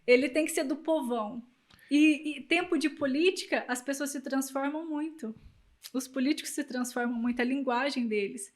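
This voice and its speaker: High-voiced Brazilian woman giving advice. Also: moderate pace. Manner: emphatic, coaching tone, varies emphasis on purpose. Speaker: guest, communication specialist and public speaker. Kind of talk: interview advice.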